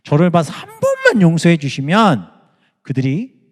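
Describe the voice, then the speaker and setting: A man's voice: fairly high pitch, wildly swooping pitch, moderate pace, in a large hall, pitched above the performer's own voice. A man voicing Moses as a humble male leader earnestly pleading for mercy, in a sermon retelling. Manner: earnest, imploring.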